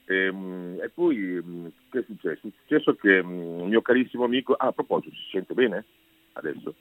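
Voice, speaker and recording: A man's voice: low-pitched, animated, no echo. Man, on speakerphone, tinny phone sound, dry, hesitant, guest musician. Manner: hesitant, many pauses and fillers, quiet. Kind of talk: radio interview by phone.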